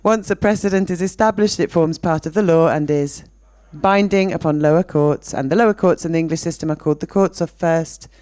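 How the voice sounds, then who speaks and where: Male teacher, classroom reading, fairly high voice, dry sound. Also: brisk, darkish tone, clear, resonant tone, no echo. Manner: reads exercise text aloud, checks in with "okay". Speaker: English teacher. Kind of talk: classroom instruction.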